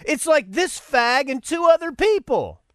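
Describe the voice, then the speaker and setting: Man, podcast host, sarcastic commentary, stumbling restarts, high voice, dry sound. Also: big pitch swings, unhurried, no echo. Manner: sarcastic, mocking; rambling with stammered restarts. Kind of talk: opinionated commentary monologue.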